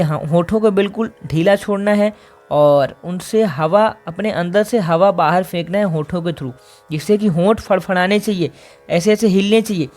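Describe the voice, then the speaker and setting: A man teaching a singing lesson, explaining vocal exercises patiently step by step. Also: sits high.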